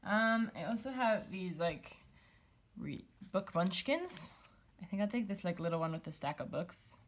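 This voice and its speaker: A woman's voice: lowish voice, big pitch swings, measured pace, a little hiss or hum. A young woman talking casually as she decorates a planner, thinking aloud and rambling with many likes and ums. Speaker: planner vlogger.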